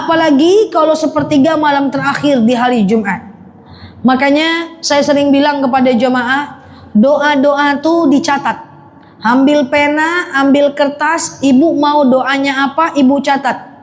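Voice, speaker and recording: High-voiced woman preacher, lively. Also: unhurried. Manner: lively, jokes with the congregation, addresses them as Bu. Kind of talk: religious lecture to women. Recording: faint background noise.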